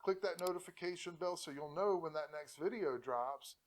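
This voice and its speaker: This man hosts a PC-building channel and speaks casually to the camera in a fairly high voice at a normal speed. He jokes and laughs often while encouraging viewers, though the audio quality is poor.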